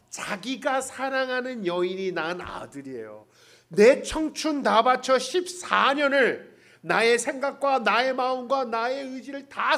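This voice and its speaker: A pastor with a high-pitched, fairly bright voice preaches in a church sanctuary, telling the story with humor. He acts out the characters' lines and speaks directly to the congregation.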